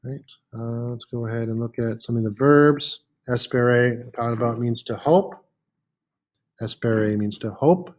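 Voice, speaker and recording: A man's voice: mid-range voice, a little slow, darkish tone. A man teaching a French lesson, patiently repeating words with frequent "uh" fillers. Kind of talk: classroom lesson.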